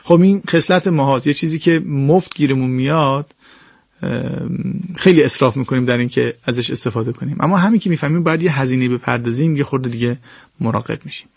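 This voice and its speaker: A man giving an animated religious talk, explaining verses to his listeners with lively swings in pitch and pace. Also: creaky, dry recording, studio quality. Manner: addresses listeners directly and politely.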